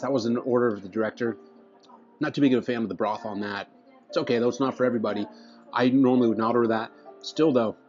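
His mid-range voice has a darkish tone as this man in his thirties, a food vlogger, chats eagerly about his food at a restaurant table, frequently starting phrases over between bites. Faint music plays in the indoor dining room, and the sound is slightly dull.

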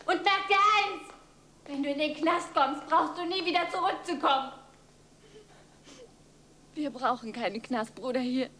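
A woman's voice: high voice, unhurried, long pauses, bright, forceful tone, slight background noise. An actress playing a bitter young wife who scolds her husband with biting words, in dubbed film dialogue. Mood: scolding.

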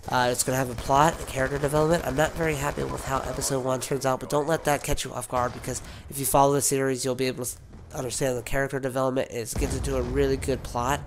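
A man with a sick, worn voice talks casually to his viewers, wandering between points and restarting his sentences. His pitch sits in the middle range, and a faint noise hums under the recording. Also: flat delivery, fast. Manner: rambling, with many fillers and restarts. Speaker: gaming YouTuber. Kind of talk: rambling casual vlog talk.

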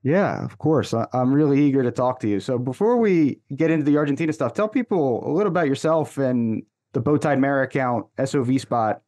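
A man's voice: mid-range voice, fairly quick, few pauses, a little mellow. A podcast host in his thirties with a friendly, upbeat delivery. He speaks close to a large desk mic in a small room. He sounds casual and at ease. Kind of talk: casual interview. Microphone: large studio mic on a desk, headphones.

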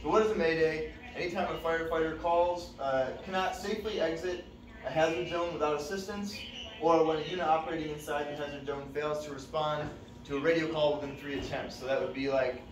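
Here the fire service instructor sounds a little high and fairly quick, talking in a relaxed, conversational way with lots of "uh" fillers. The training session takes place in a dim, echoey room with a projector screen, picked up by a far camera with slight background noise.

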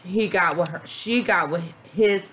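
Noisy background surrounds a woman speaking with a fairly low pitch at a measured pace. She's a vlogger and mom reacting to a documentary, casual, blunt, and profane, rambling with plenty of fillers, slightly tipsy after a beer.

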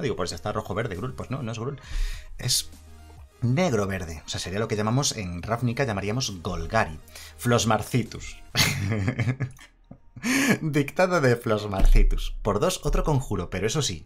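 A man talking casually through card previews, chatty and quick to correct himself. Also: on the low side, husky. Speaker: card game youtuber. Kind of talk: casual card-review commentary.

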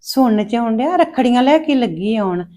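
A woman's voice: a little high, animated, moderate pace, warm tone, close to an everyday voice. A woman playing a jealous young mother who grumbles bitterly about her husband's sister. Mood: spiteful. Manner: bitter muttering.

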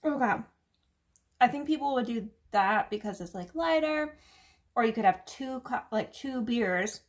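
A woman's voice: on the high side, expressive, unhurried. A woman reviewing a drink in a casual vlog, chatty and sarcastic, full of fillers and swearing. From United States.

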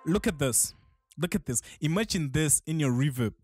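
A man's voice: fairly high pitch, animated, normal speed, a little mellow, faint music behind. A man teaching vocal mixing in a casual, slangy tutorial voice-over, often checking in with the listener. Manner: laid-back slangy talk, keeps asking "you feel me".

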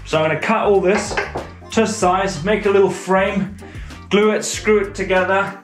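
His voice sits high and steady at a moderate pace as this thirtysomething from the UK narrates his casual workshop vlog, joking at his own expense while he builds. A head-mounted action camera records him in a garage, with roomy echo and music in the background.

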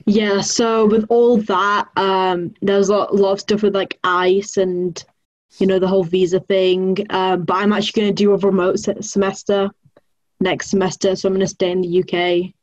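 A woman's voice: medium pitch, little pitch movement, moderate pace, no echo, highs cut off. A young woman student from England, speaking casually from her bedroom with fillers like "like" and "uh". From northern England. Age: young adult. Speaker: student panelist. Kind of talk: casual interview answer. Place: small bedroom indoors. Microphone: laptop webcam.

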